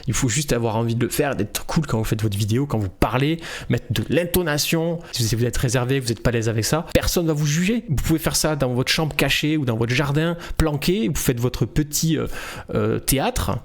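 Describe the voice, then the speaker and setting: A man hosting a casual livestream, coaching viewers on online business in a relaxed, chatty way with loose, rambling phrasing. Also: medium pitch, a little fast. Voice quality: relaxed, chatty, frequent fillers and restarts.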